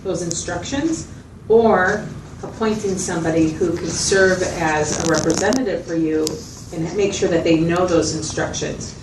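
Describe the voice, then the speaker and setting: In a roomy, noisy recording from a distant mic, a woman with a lowish, nearly everyday voice plays a supportive mental health clinician. She speaks at a measured pace with few pauses, explaining, reflecting and checking in with the listener in a conversational interview.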